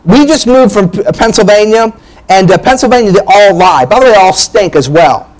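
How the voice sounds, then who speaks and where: A man preaching a sermon as pastor, energetic and playful, teasing the congregation and checking in with "all right?". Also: sits high, fairly quick, rough recording. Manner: energetic, joking preacher who keeps asking "all right?".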